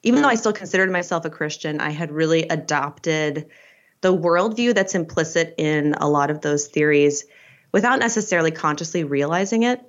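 A woman in her forties from Idaho, a professor giving measured, thoughtful interview answers. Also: deep voice, muffled recording. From Idaho, USA. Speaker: guest, professor and dean.

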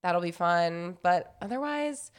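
A woman's voice: lowish voice, expressive, slow, clean tone. A young woman co-hosting a podcast in casual chat, laughing and teasing as she talks. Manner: giggly, teasing. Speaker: podcast co-host.

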